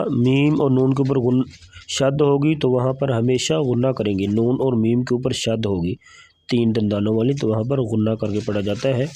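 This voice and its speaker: A man teaching Quran recitation rules word by word, explaining each point in a brisk, matter-of-fact way. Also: medium pitch, mellow, no echo. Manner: breaks into slow melodic recitation between explanations. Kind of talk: tajweed lesson, explaining word by word.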